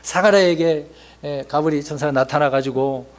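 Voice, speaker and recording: A man's voice: a little high, moderate pace. A man pastor preaching a sermon, asking rhetorical questions and acting out people's excuses.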